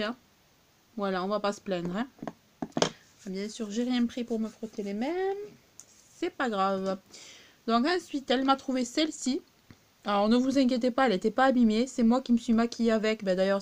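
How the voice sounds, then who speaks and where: Southern french woman, higher voice, chatty haul video, lots of euh and donc. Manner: chatty, many fillers, talks to viewers directly. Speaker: vlogger showing a discount-store haul.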